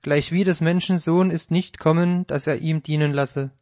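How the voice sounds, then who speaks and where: A man reading the words of Jesus in a scripted audio Bible, with measured, solemn archaic phrasing. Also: a little high, steady tone, darkish tone, dry recording, close to an everyday voice. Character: Jesus, calm grown male teacher.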